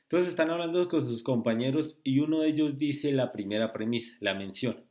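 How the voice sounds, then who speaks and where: A man tutoring logic in a screen-recorded lesson, speaking slowly and often checking with "¿sí?" and "¿listo?". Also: mid-range voice, darkish tone. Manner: slow, repetitive, asks rhetorical checks.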